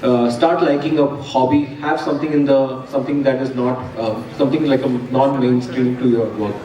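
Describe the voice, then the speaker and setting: A man's voice: medium pitch, steady tone, moderate pace, warm tone, highs cut off. A man with an Indian accent giving casual advice as a panelist in an event question session. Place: event hall with an audience. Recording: echoey room, distant mic, noisy.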